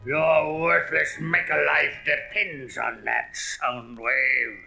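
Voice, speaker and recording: A man's voice: a little high, fairly even intonation, slow pace, over loud music, exaggerated voice. A man voicing a ruthless, scornful robot overlord on a 1980s read-along record, with a snarling delivery. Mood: menacing. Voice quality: snarling, gravelly.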